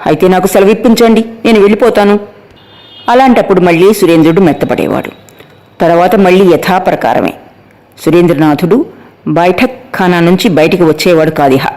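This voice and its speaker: High-voiced man narrating an audiobook. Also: darkish tone.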